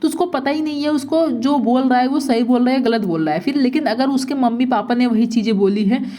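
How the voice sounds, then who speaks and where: A woman's voice: high-pitched, a little fast, warm tone. Woman teacher asking and answering her own questions. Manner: asks rhetorical questions and answers them, repeating points. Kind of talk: exam-prep lecture.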